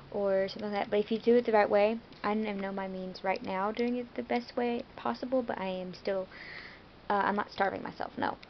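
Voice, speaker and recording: A woman's voice: mid-range voice, highs cut off, slight background noise. Chatty American woman vlogging. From United States. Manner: chatty and rambling, with fillers and self-corrections. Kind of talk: casual vlog monologue.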